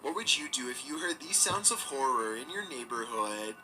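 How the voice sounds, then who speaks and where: A man giving scripted narration for a countdown video, in a steady, measured storytelling delivery. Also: medium pitch, loud music behind the voice, poor audio.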